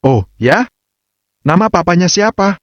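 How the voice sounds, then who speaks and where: A man's voice: sits high, very animated, measured pace, dry recording, voice pushed up. Man doing a mild, indulgent husband. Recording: dull lo-fi dry recording.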